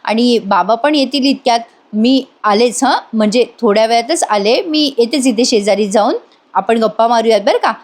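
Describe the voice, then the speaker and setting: A homely aunt chats in a friendly way, voiced by a woman narrator. Her tone is plain, with a fairly high pitch. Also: normal speed, lightly acted. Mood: welcoming. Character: warm, chatty aunt welcoming guests.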